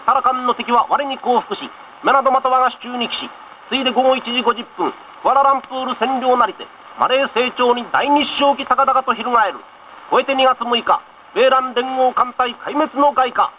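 A man with a very high, strained voice reads out an old wartime newsreel in a brisk, rousing, formal tone. The recording is dull and lo-fi, like an old film soundtrack, with a faint hiss running under it. He sounds like a narrator of a historical propaganda reel.

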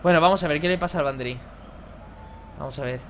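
A young man, excitably commentating his own football video game match for viewers. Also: a little high, fast talker, a little hiss or hum. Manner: excitable, exclaiming, chatty. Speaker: gaming youtuber. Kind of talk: live gameplay commentary.

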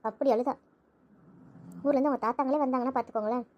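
A woman's voice: high voice, steady tone, fast talker, dull audio, natural voice. A woman playing a chatty, gossipy young relative in an amateur audio drama, rattling on with complaints.

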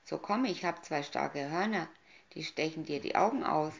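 A woman voicing a big, heavy female goat with a loud, hoarse voice, fierce and fast, in a storybook reading on a dull lo-fi recording. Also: sits low, noisy background.

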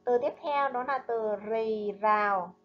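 A woman primary school teacher giving a recorded reading lesson to young children, speaking slowly and enunciating each word with care. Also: a little high, highs cut off. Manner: slow, careful, clearly enunciated reading and drills. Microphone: voice-over narration over slides.

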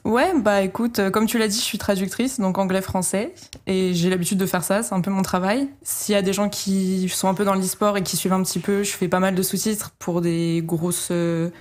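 A woman working as a translator on a talk show, relaxed and conversational as she sums up what was said. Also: mid-range voice, normal speed. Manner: relaxed, conversational, uses fillers. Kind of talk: casual live interpreting.

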